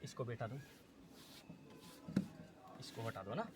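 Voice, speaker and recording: A man's voice: mid-range voice, big pitch swings, takes it slowly, a little hiss or hum. A male teacher running an exam-prep lesson, repeating terms, asking and answering his own questions, often correcting himself.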